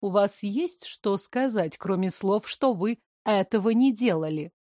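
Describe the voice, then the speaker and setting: A woman voicing a stern queen who speaks in a dry, ironic, measured way in an audiobook. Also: mid-range voice, animated, mellow, no room sound, lightly acted.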